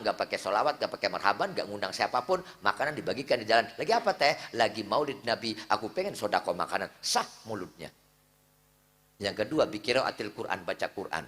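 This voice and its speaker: A man's voice: fairly low pitch, a bit bright. A man preaching a humorous sermon, telling a story with voices and joking with the audience. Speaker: Islamic preacher. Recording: echoey hall reverb.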